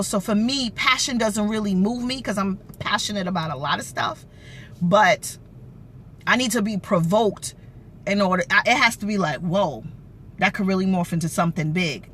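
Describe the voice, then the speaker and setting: A woman's voice: normal speed, a bit bright. A woman giving an informal motivational talk to live viewers, emphatic and repeating phrases for effect. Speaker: motivational livestream host. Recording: noisy livestream with low rumble.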